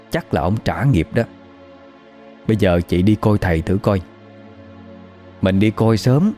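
A man with a Southern Vietnamese accent narrates a creepy village story as if passing on local gossip. His voice sits low and mellow. Soft music plays faintly underneath. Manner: conversational, gossipy retelling. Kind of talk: spooky folk story narration.

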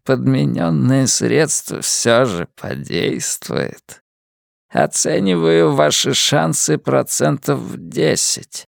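A man voicing a frail, menacing old villain with a weak, rustling voice, speaking slowly and with cold politeness. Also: medium pitch, creaky, dry recording, studio quality, full character voice. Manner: slow, measured, coldly polite.

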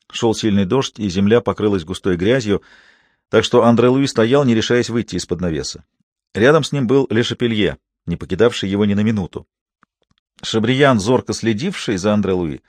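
A man's voice: lowish voice, no room sound. Man reading a novel aloud, dry sound. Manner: measured, even storytelling. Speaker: audiobook narrator. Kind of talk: scripted narration.

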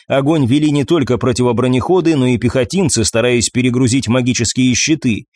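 A man's voice: medium pitch, darkish tone, no echo. Man narrating an audiobook, dry sound. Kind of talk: scripted narration.

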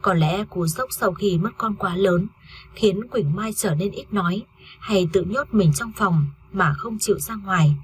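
A woman narrating a first-person family story in a steady, earnest reading voice. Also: medium pitch, measured pace, a little hiss or hum.

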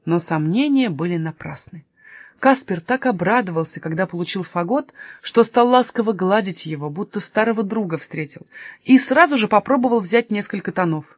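A woman reads a children's story aloud, with a lively voice that moves freely up and down. The sound is close and dry with no room around it. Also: medium pitch, normal speed, no echo. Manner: lively, expressive narration.

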